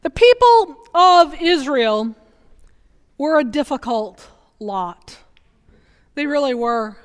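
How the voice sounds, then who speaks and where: A woman's voice: high-pitched, expressive, takes it slowly. A woman pastor preaching a sermon in a conversational, humorous storytelling way, recorded in a church. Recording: reverberant church sanctuary.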